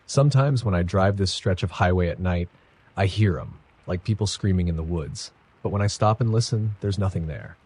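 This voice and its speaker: Man playing a menacing middle-aged trucker in a horror audiobook, husky low drawl. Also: normal speed, darkish tone. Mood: ominous.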